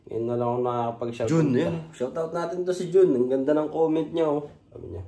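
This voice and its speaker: A man's voice: on the high side, fast talker, dark tone. A man from the Philippines chatting casually to viewers in the morning, his voice thick and congested from a cold and sinus trouble, so some mistake him for drunk. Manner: loose and rambling, repeats a catchphrase often. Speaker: overseas worker vlogger.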